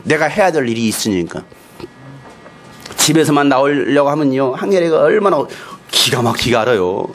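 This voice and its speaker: A male pastor preaching a sermon, animated and playful, telling stories and acting out quotes. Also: medium pitch, moderate pace.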